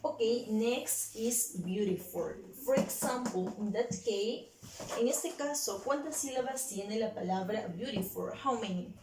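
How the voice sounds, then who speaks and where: Woman English teacher, unhurried bilingual lesson style, slight hiss behind, roomy sound. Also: on the high side, lively intonation, distant mic. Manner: slow and deliberate, repeating words and switching between English and Spanish. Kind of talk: bilingual classroom lesson for children.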